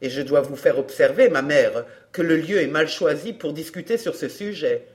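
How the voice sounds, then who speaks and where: A woman's voice: low voice, normal speed, a little mellow, voice pushed down, natural voice. A woman reading an audiobook, voicing an earnest young man eager to serve the heroine.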